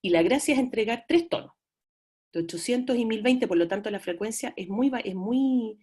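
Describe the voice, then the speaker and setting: A middle-aged woman with a Chilean accent, giving a relaxed online class lecture and chatting to her students between fillers. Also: on the high side, normal speed, breathy edge. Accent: Chilean Spanish. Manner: chatty, addresses students as "chiquillos", frequent fillers. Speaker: lecturer in audiology.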